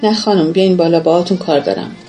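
Condescending male principal in a storybook, voiced by a woman. Low and mellow. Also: soft background music, natural voice. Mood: scolding. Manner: scolding, condescending. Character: stern, scolding male school principal.

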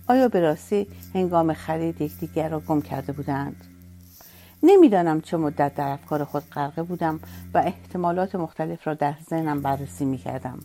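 A woman narrating a first-person story in a sorrowful, reflective way. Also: on the low side. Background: soft music.

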